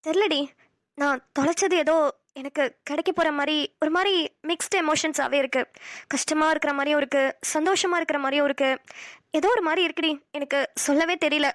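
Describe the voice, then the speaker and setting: A woman's voice: high voice, a little fast, a bit bright, no echo, clean studio sound. A woman voicing an affectionate, wistful middle-aged mother in a cartoon, with a motherly, scolding tone. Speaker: voice actor. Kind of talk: cartoon dialogue acting.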